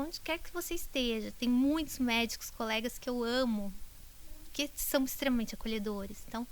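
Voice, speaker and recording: Doctor lady on a podcast, highish voice, gets all emotional and goes whispery when the story gets tense. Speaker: doctor treating multiple sclerosis patients.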